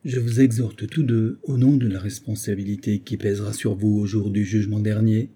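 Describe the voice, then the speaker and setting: A man's voice: on the low side, steady tone, moderate pace, mellow, slightly rough. A man reading an audiobook and voicing a grave parish priest who speaks in a solemn exhortation.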